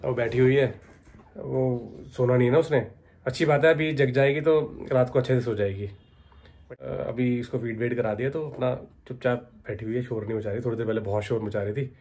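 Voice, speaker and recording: A man's voice: medium pitch, fairly even intonation, moderate pace, darkish tone. A man narrating a casual family vlog at home, chatty and doting, talking to his baby in between. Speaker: vlogger. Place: home, indoors.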